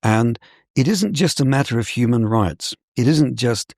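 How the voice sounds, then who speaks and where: An older male scholar from New Zealand, giving measured, professorial answers in an interview. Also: medium pitch, lively intonation, darkish tone, no echo, clean studio sound. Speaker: scholar guest.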